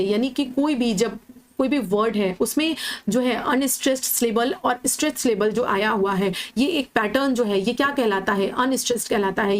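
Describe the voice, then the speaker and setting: A woman, a literature teacher, explains poetry in a Hindi-lecture. She works step by step, asks her own questions and answers them, and often checks in with "ठीक है". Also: fairly high pitch. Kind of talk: Hindi-English lecture over slides.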